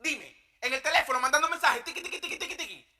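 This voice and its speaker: A man playing a bossy Dominican mother who shouts and scolds her son, in a comedy video. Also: extremely high pitch, animated, fast, exaggerated voice. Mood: scolding. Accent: Dominican Spanish. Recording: played from an online comedy video.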